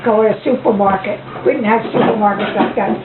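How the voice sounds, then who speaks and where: A very old American woman, a grandmother, telling stories of the past to family in a rambling, folksy, animated way. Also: mid-range voice, fast talker. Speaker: grandmother sharing memories. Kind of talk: elder telling a story, casual family reminiscence. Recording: tinny, band-limited, echoey, noisy home recording.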